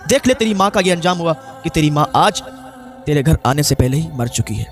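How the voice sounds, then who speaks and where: A high-pitched male preacher delivers an emotional sermon story, piling up repeated phrases for dramatic effect. Soft music hums faintly behind him. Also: expressive, a little fast. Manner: repetitive, dramatic retelling. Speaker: maulana, preacher.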